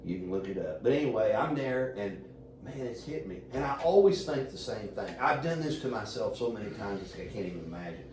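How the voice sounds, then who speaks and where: A man telling a long, profane story in a rambling, animated way as a podcast guest. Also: lowish voice, a little fast. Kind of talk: casual storytelling. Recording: echoey room, distant mic, faint noise.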